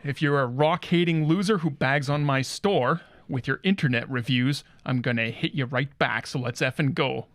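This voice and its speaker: A man's voice: medium pitch, normal speed, few pauses, fairly bright tone, dry recording, natural voice. A man playing a crude, cocky guitar store owner who brags about rock and says 'effing' in place of swears. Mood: cocky boasting. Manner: swaggering, swaps swears for 'effing' and 'F'. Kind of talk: comedy character monologue.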